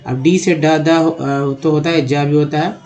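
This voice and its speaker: A man teaching English reading in Hindi. He spells words out letter by letter, sounds them slowly and calls his viewers friends. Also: a little high, steady tone, a little mellow.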